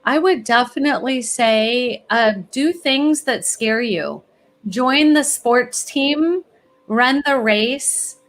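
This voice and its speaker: A woman's voice: fairly high pitch, slow pace, fairly bright tone. A woman as a guest expert in a podcast interview, giving upbeat, encouraging advice. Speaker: college planning expert, guest.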